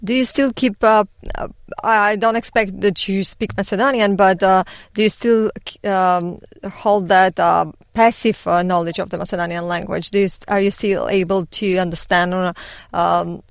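A woman radio interviewer asking questions in a halting way, pausing mid-question. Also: medium pitch, fairly even intonation, vocal fry, smooth, no echo.

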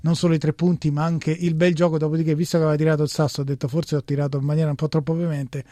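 A man's voice: on the high side, flat delivery, rapid-fire, dark tone, dry recording. A man presenting a football round-up, going through results and match reports as a studio presenter. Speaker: sports radio presenter.

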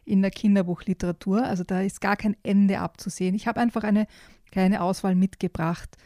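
Woman, children's book reviewer, casual chat, enthusiastic, frequent fillers, mellow tone, dry close sound. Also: mid-range voice, steady tone, fairly quick, no room sound.

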